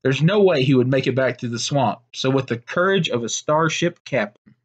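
A man narrating a made-up story in a steady, unhurried way, with small slips and restarts. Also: mid-range voice, breathy edge, muffled recording.

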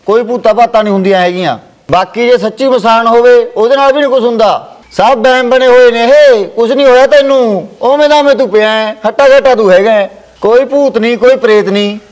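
A man playing a sly, fraudulent village holy man who soothes and placates everyone, speaking with a Malwai Punjabi accent. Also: extremely high pitch. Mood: reassuring. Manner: soothing, placating, calls others child. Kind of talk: village family drama acting.

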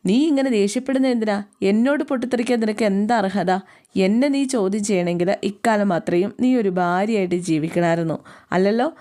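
A woman voicing a blunt middle-aged mother who taunts her daughter with sharp rhetorical questions. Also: medium pitch, quick pace, lightly acted. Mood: scolding.

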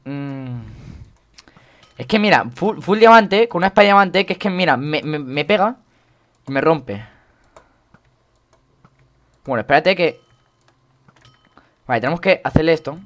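A young man from Spain with a Spain Spanish accent, jokey and excitable, commentating his gameplay and repeating words in quick bursts. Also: a little high. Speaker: gaming YouTuber.

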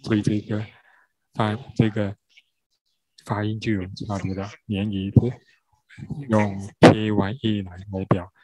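A man interpreting a grammar lesson, spelling out syllables one by one with frequent pauses. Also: lowish voice, little pitch movement, darkish tone, no room sound, rough recording. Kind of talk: slow spoken lesson.

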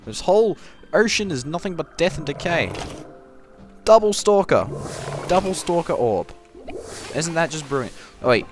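A man giving goofy, casual gameplay commentary, talking to the game and breaking into sudden loud yelps. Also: a little high, big pitch swings, moderate pace, pauses often. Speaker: gaming commentator. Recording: game music behind the voice.

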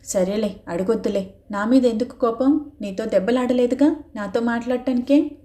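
A woman's voice: a little high, moderate pace, dark tone, lightly acted. A woman reading the lines of a teasing, coaxing seventeen-year-old village boy in an audiobook novel.

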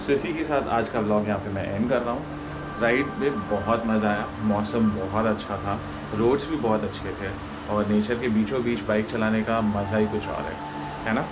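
A man's voice: lowish voice, moderate pace, very noisy. Indian man vlogging from his motorbike. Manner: mixes Hindi and English, relaxed chatty. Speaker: moto vlogger. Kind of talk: casual vlog narration. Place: outdoors by a rural road. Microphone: action camera on helmet or selfie mount.

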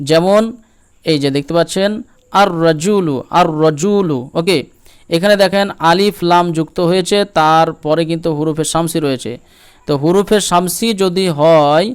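Man, Bengali accent, patient teacher, repeats slowly, high voice, smooth clear tone. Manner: patient, repeats each word slowly and checks with "okay?". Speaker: Quran reading teacher. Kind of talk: step-by-step lesson.

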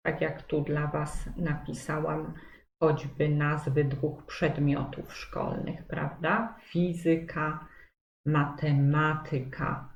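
Female teacher, low voice, unhurried delivery that repeats its points; echoey room with faint hiss. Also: little pitch movement, gravelly, dull audio. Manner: slow and explanatory, repeats key points, many fillers. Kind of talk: pronunciation lesson.

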